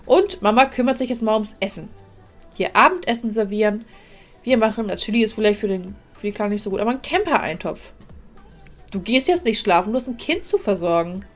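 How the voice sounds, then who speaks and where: A woman's voice: medium pitch, animated, fairly quick, faint music behind. A woman casually commenting while she streams a life-sim game, thanking viewers and talking to her characters, a little sniffly with a cold.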